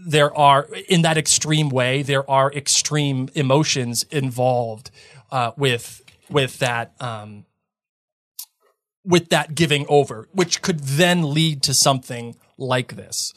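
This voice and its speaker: A man's voice: on the high side, a bit bright, no room sound. Opinionated man on a dry mic. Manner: opinionated, emphatic. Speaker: podcast co-host. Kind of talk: casual chat.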